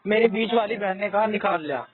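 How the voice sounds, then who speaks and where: A man's voice: high voice, brisk. A man chatting casually on a podcast, telling personal stories in a frustrated, rambling way. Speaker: podcast co-host. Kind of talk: casual chat. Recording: tinny phone-like sound with faint music.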